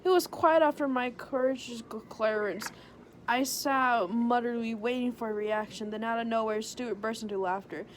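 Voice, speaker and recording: A woman's voice: on the high side, moderate pace, a little hiss or hum. A woman reading a story aloud as a joke, stumbling over words and giggling. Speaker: reader of a story. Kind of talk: joking read-aloud of fan fiction.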